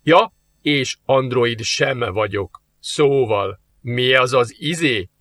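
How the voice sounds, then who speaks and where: Smug teasing demon guy in a suit, drawls it out, man reading, bright voice. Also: medium pitch, no echo, close to an everyday voice. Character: suave mocking male demon in a suit.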